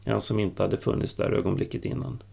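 Casting: male audiobook narrator, steady scripted narration, low and very gravelly.

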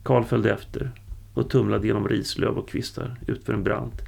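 A man narrating a story audiobook-style in a steady, unhurried way. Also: fairly low pitch, gravelly, slightly rough.

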